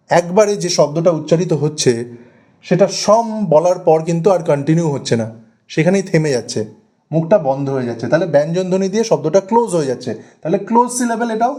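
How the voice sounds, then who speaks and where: A grammar lesson aimed at exam preparation is given by a man whose voice is a little high and dark, with a West Bengal Bengali accent. He speaks slowly and with intent, repeating and lengthening the words he uses as examples.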